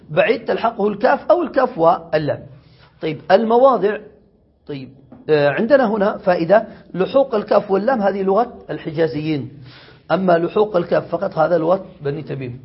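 A man's voice: high-pitched, animated, breathy edge, highs cut off. A man teaching an Arabic grammar lesson to a class, stretching out his words and often checking whether the students follow. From Yemen. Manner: questions the students, drawn-out words.

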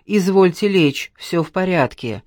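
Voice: medium pitch, lively intonation, a little mellow, dry recording, clean studio sound, natural voice. A narrator doing a prim stern governess. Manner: formal, slow, admonishing.

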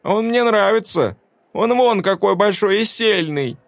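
An eager little boy pleads and whines in a high, lively voice, as a male storyteller puts him on. The sound is close and dry. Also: a little slow, dry recording. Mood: whiny pleading. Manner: whining, pleading.

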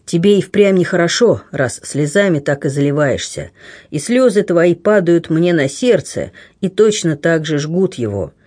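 A man's voice: fairly high pitch, expressive, normal speed, a little mellow. A man reading the part of a blunt, kindly aging buccaneer who grumbles and teases. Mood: gruff warmth. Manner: grumbling, teasing, plain-spoken.

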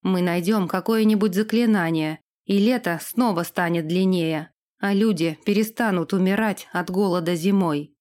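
A woman's voice: fairly low pitch, normal speed, darkish tone, natural voice. A woman reading an audiobook, voicing a stern young lord and future king in a firm, commanding manner.

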